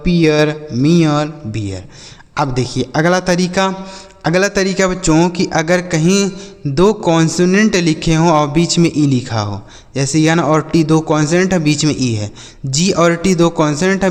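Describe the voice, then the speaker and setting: A man teaching an English phonics lesson. He spells words letter by letter, sounds them out slowly, and asks the class questions that he then answers himself. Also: on the high side, big-room sound.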